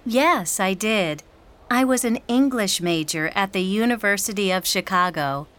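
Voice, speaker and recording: Woman doing a young gal in a textbook dialogue, slow and super clear, friendly. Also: medium pitch, fairly bright tone, lightly acted. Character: young woman recalling her family background.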